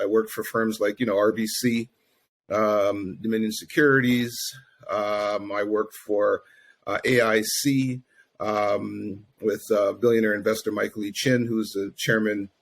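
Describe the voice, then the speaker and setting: A middle-aged man from Grenada, a guest in a casual interview, talking easily with many fillers. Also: fairly low pitch. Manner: easygoing, many fillers like "you know" and "um". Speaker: guest, investment firm founder.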